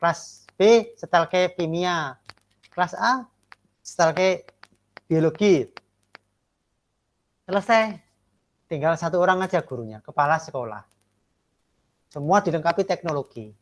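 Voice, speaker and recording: Lecturing man. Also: sits high. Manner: rhetorical, keeps asking "ya kan?" for agreement; slows and stresses key words. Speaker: teacher-training lecturer giving feedback. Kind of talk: classroom lecture and feedback.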